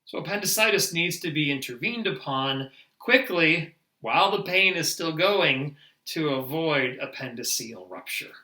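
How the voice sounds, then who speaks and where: Guy giving a nursing lecture, bouncy pitch, bright voice, echoey room. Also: measured pace. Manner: animated, emphatic, laughs at himself. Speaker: nurse educator. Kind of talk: medical lecture.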